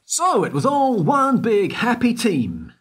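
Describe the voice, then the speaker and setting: Playing a dogged male detective in an amateur radio play, this man speaks in a very high, husky voice with huge pitch swings, taking his time and acting heavily. His mood is probing as he needles a guard he's questioning.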